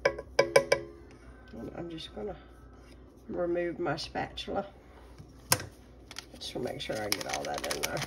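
A middle-aged woman chatting casually through a home baking vlog, relaxed and talkative with plenty of ums. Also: deep voice, takes it slowly, gravelly, pauses often, loud music behind the voice. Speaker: home cooking vlogger. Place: home kitchen.

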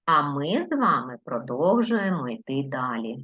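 A woman's voice: rumbling low, very animated, normal speed, dull audio. A woman teacher with a Ukrainian accent, giving a recorded lesson to young children, stretching words and coaxing answers with questions. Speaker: primary school teacher.

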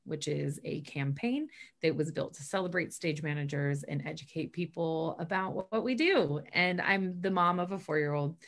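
A chatty woman in her late thirties talks about her work in a casual video-call interview, upbeat and rambling with fillers and asides. Her voice sits low for a woman. She is heard through a laptop mic in a small bedroom. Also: a bit bright. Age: 30s. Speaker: stage manager and professor, interview guest. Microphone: laptop webcam mic on a video call.

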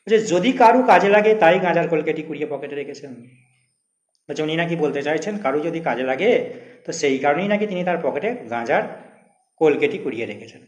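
A man's voice: on the high side, expressive, a little fast, echoey room, highs cut off. A Bengali-accented man teaching a school literature lesson, reading old prose aloud and then explaining it in plain speech with exam questions.

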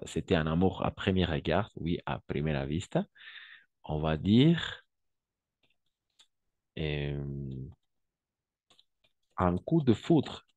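A man's voice: low voice, darkish tone, no room sound. A man teaching French in an online class, patiently repeating each word and translating into Spanish. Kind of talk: online language lesson.

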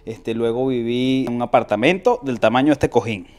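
In a brisk, mid-range voice with a darkish tone, a young man from Venezuela tells slangy stories as a casual-interview guest. His Venezuelan accent comes through as he quotes voices and restarts often. He's sitting on a living room sofa, recorded on a lapel mic.

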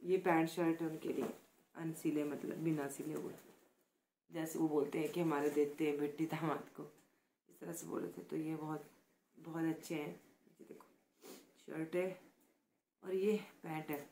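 A woman from Himachal Pradesh talking softly and chattily in a casual vlog, showing gifts and praising them again and again. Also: low voice, little pitch movement, moderate pace, long pauses, a little hiss or hum. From Himachal Pradesh, India. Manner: chatty and affectionate, repeats words of praise; speaks softly, close to the mic. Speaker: vlogger.

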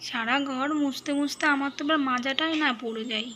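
Brief: busy scolding mother, woman's bright voice, quick nagging tone. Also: high-pitched, slight background noise. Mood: busy, muttering. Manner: brisk, nagging, half-muttering to herself. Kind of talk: doll storybook narration.

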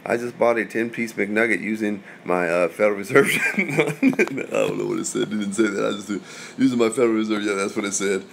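A young man hosts a casual livestream, reading viewer comments aloud and answering in a profane, rambling way that swings between loud and mumbled. His voice is fairly low and creaky, he talks briskly, and there is background noise.

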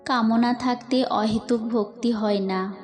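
A woman reading as a gentle, motherly elderly holy woman. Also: a little high, steady tone, slow pace, soft background music. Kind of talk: reading quoted dialogue in a story.

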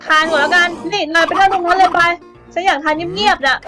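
A woman's voice: very high voice, quick pace. A woman voicing a bossy, demanding young wife in a cartoon dub, impatient and ordering her husband around, over background music. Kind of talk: cartoon dubbing.

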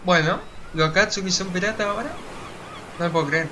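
A man's voice: sits high, a little fast, slight background noise. A young man with an Argentine accent giving casual, exclamatory reaction commentary and often repeating his phrases. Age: young adult. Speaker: reaction video host. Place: small room indoors. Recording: loud music behind the voice. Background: music from the anime video.

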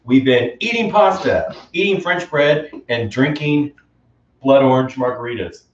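A man's voice: mid-range voice, expressive, unhurried. An enthusiastic man chats his way through a home cooking live stream, reading viewer comments aloud. He sits back from the mic in an echoey room, and the sound is dull and lo-fi. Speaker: cooking show host. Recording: roomy, distant, dull live-stream audio.

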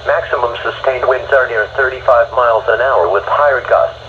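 A synthetic American male text-to-speech voice, serving as an automated weather radio announcer, reads a weather bulletin flatly and formally at medium pitch and moderate pace. The dull radio broadcast was re-recorded by a phone held to a radio speaker, with faint noise.

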